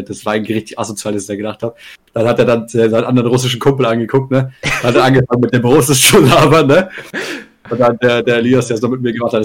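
A man's voice: medium pitch, slight background noise. A young man on a podcast, telling a rambling story in casual chat, with crude slang, laughing mid-sentence and tagging lines with "ne?". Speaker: podcast co-host.

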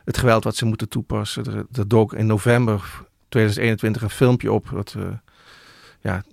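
A middle-aged male journalist explaining things in conversation, thoughtful and often pausing with hesitations and restarts. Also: on the low side, level tone, creaky, darkish tone, dry recording, clean studio sound. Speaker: journalist guest.

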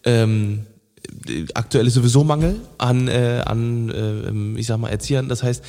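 A man of middle pitch talks straight to his listeners in a casual, colloquial way. He stumbles through fillers as he gives advice. The room adds a long, ringing reverb. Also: steady tone, moderate pace, dark tone. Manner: colloquial, hesitant fillers, many backchannels. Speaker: podcast host. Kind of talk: casual chat, addressing listeners.

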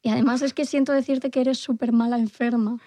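High-voiced young woman, teasing. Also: steady tone, warm tone, dry recording. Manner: teasing, chiming in with jokes and quick reactions. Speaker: podcast co-host. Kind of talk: casual chat.

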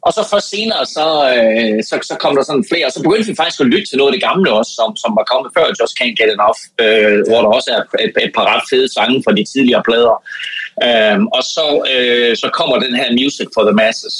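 A Danish man talks casually as a podcast guest, with the eagerness of a devoted fan. His mid-range voice is a little husky and recorded dry. He often repeats words to drive a point home. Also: medium pitch, fairly bright tone, dry recording, poor audio. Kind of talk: casual chat.

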